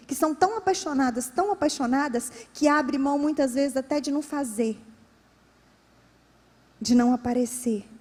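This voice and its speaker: A woman's voice: fairly high pitch, a little mellow, big-room sound. A woman pastor with a Brazilian Portuguese accent, preaching a sermon with emphatic, repetitive phrasing. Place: church.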